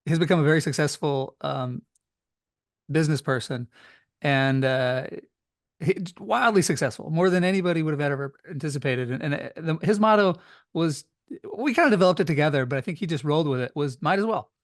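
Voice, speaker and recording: A man's voice: on the high side, a little fast, no echo, studio quality. A man hosting an interview in a casual, conversational style. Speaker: interview host.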